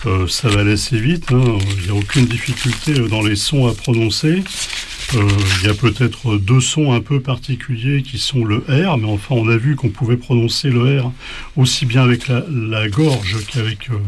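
Male teacher, casual spoken lesson, halting delivery, faint hiss with clicks. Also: medium pitch. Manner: hesitant, many fillers and restarts. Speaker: language teacher.

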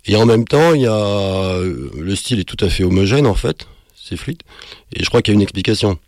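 A man interviewing an author, asking relaxed, conversational questions. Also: on the low side, brisk, dry recording, clean studio sound.

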